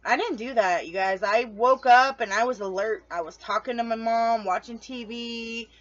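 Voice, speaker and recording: Woman, casual vlogger, slightly high-pitched, rambling and chatty, speaks right to viewers, dull lo-fi home recording. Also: normal speed. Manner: rambling, loses her train of thought; chatty, addresses viewers directly. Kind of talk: casual storytelling to camera.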